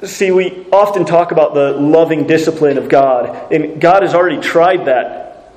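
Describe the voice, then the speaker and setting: A man's voice: on the high side, moderate pace, darkish tone, echoey room, low-quality recording. A man preaching a sermon, reading scripture and asking earnest rhetorical questions.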